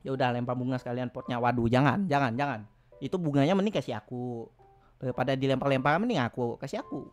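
A young man streaming casually, teasing his chat and laughing often, with sudden loud outbursts. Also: mid-range voice, quick pace, soft background music. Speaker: VTuber streamer. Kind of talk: casual live stream chat reading viewer messages.

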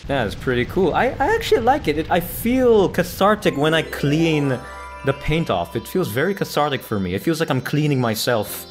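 A man doing let's play commentary, chatty and breaking into excited yelling at the game. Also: on the high side, normal speed. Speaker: gaming YouTuber. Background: faint game music.

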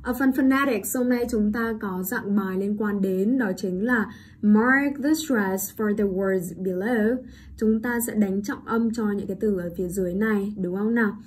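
A woman with a Vietnamese accent teaches English pronunciation, saying each word slowly and more than once before explaining it. She keeps checking in with her students. A faint hiss sits under the recording. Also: medium pitch, darkish tone. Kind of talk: online pronunciation lesson.

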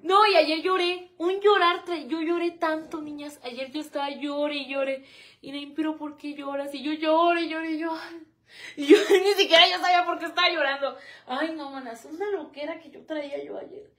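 A young woman with a Mexican accent talks on a livestream in a high voice. Her chat is dramatic and chatty, and she keeps reading her viewers' comments aloud. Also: fairly even intonation, normal speed, a bit bright. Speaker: livestream host.

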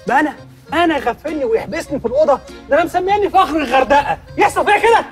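A hot-headed Egyptian man rants in a very high voice. His pitch swings widely as he rattles on. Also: expressive, rapid-fire, faint music behind. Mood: ranting. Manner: ranting. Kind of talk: comedy series acting.

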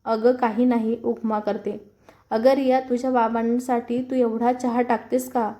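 Fond teasing mother-in-law, read by a woman, older, lightly scolding, mellow voice, flat delivery, storybook reading. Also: a little high, unhurried, lightly acted.

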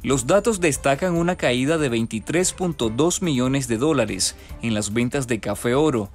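A man delivers a scripted news voice-over at a mid pitch, steady and formal in his reading. A faint music bed runs quietly underneath him. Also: normal speed. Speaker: news narrator.

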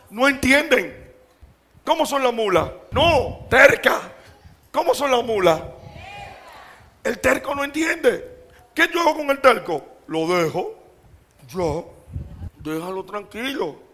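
A man preaching a sermon to his congregation, animated and joking, calling out rhetorical questions and laughing often. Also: extremely high pitch. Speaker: pastor.

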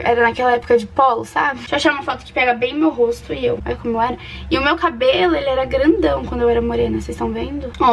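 A young woman from Brazil chatting excitedly to her viewers in a casual home vlog. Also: sits high. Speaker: YouTuber. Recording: distant mic with clear background noise.

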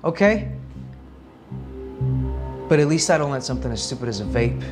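A man's voice: mid-range voice, very animated, normal speed, loud music behind the voice, lightly acted. A man playing an earnest teenage boy in a wheelchair who pleads with his friend, in a scripted web drama. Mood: pleading.

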